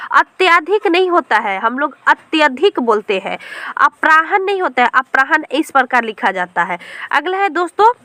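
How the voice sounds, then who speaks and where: A woman's voice: sits high, sharp tone. A woman teaching an exam-prep grammar lesson, patiently explaining and spelling out words letter by letter, often checking in with her listeners. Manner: addresses listeners as friends, checks in with "theek hai".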